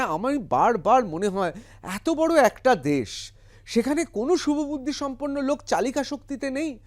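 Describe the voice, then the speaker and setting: This is a male news commentator, tearing into his subject with scorn and heavy emphasis. His voice sits high and leaps around expressively from word to word. He pauses now and then to read out English quotes before explaining them. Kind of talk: heated political commentary.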